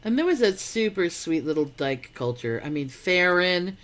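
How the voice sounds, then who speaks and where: A woman's voice: lowish voice, very animated, moderate pace. A woman co-host chatting casually and telling easygoing, nostalgic stories about the past. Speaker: co-host reminiscing. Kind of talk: casual chat.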